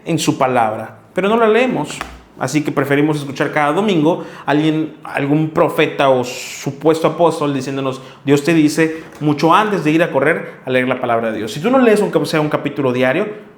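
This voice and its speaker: Earnest preaching man, echoey room. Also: fairly high pitch. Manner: earnest, scolding, addresses listener directly. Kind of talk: sermon with Bible reading.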